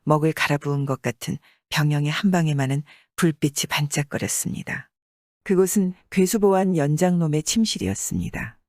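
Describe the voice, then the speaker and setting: Guy reading an old folk story for an audiobook, steady and expressive, dry close mic. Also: fairly high pitch, brisk, no echo. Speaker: audiobook narrator. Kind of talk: storytelling narration of an old tale.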